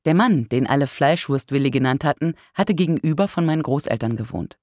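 Brief: audiobook narrator, measured first-person reading, wry humor, close and dry. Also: mid-range voice, expressive, a little mellow, no room sound.

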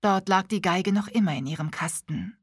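A woman reading a novel aloud as audiobook narrator, with an even, measured storytelling style. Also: on the low side, husky, no echo, clean studio sound. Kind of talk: scripted narration.

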